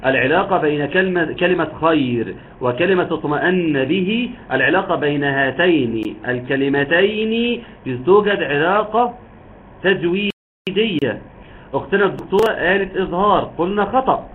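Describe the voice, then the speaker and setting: Man, recitation teacher, slightly high voice, patient, tinny phone-like line, faint hiss. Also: lively intonation, moderate pace. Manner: patient, explains step by step, stretches out words when demonstrating recitation. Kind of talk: online tajweed lesson.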